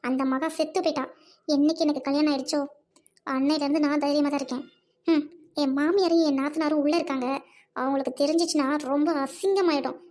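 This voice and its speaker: Brief: woman voicing defiant young wife, high-pitched, scolding and fearless, amateur skit. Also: fairly even intonation, fast talker, a little mellow. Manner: fierce, accusing, scolding. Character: defiant young married woman confronting her scheming uncle.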